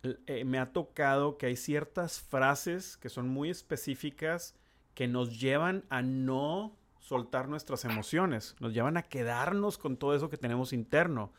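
A middle-aged man, a neurologist, hosting a conversational interview, earnest and halting with frequent restarts. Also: mid-range voice. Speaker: neurologist podcast host.

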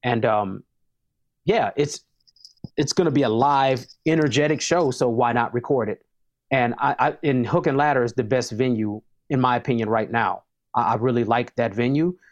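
A man's voice: medium pitch, moderate pace. A man, a hip hop artist talking casually as an interview guest, emphatic and prone to repeating words as he starts sentences.

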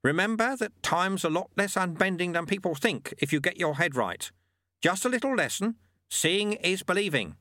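A man's voice: sits high, expressive, normal speed, pushed and bright, no room sound, clean studio sound, pitched above the performer's own voice. A man voicing an old, wry male monk who lectures in an offhand, chatty way.

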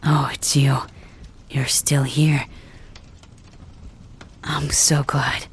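A woman's voice: a bass voice, flat delivery, very slow, slight background noise, full character voice. A woman voicing a proud young warrior leader who lies wounded and paralyzed, talking in a weary, half-whispered, drowsy way in an ASMR roleplay. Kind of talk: ASMR roleplay audio drama.

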